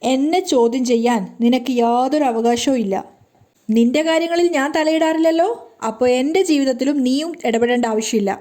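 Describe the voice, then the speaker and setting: A sharp-tongued young wife, read by a woman storyteller, cold and defiant toward her husband. Her voice sits fairly high and stays close to the reader's own. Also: brisk, close to an everyday voice. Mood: bitter. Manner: teasing, then cold and defiant.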